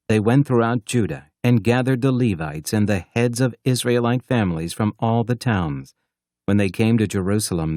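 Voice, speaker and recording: A man reading scripture aloud in a slow, measured, carefully pronounced studio narration. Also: fairly low pitch, warm tone, dry recording. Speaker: Bible reader.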